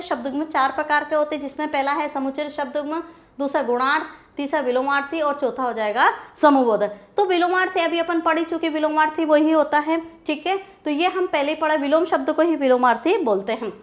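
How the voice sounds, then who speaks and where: High pitched lady teacher going over grammar, asks herself stuff and repeats every term. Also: fairly quick. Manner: repeats key terms and asks questions to herself. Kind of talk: classroom grammar lecture.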